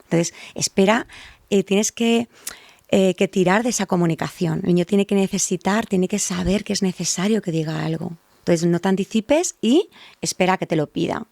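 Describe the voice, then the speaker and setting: A woman, a guest specialist explaining child language development to parents in a podcast interview, with lively acted examples. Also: fairly low pitch, normal speed, gravelly, no echo, clean studio sound.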